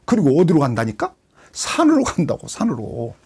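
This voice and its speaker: Husky, high-voiced man preaching. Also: huge pitch swings, normal speed, mellow. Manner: asks and answers his own rhetorical questions. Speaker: pastor. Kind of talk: Bible teaching sermon.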